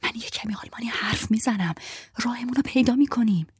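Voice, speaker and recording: In a whispered role-play, a woman with a lowish, slightly breathy voice plays a bruised, fierce young woman, pleading in an urgent hush for escape. There is no echo.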